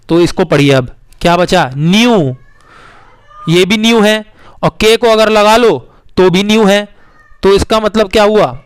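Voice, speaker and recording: A male teacher patiently explaining spelling to young children, coaxing them along and repeating words slowly letter by letter. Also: high-pitched, clean tone, no echo. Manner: coaxing, addresses children as beta.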